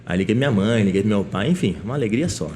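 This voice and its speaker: A middle-aged man, a police chief guesting on a podcast, telling a lively story in casual chat and often tagging his sentences with little questions. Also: fairly low pitch, fast, a little hiss or hum. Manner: lively anecdotal telling, frequent tag questions.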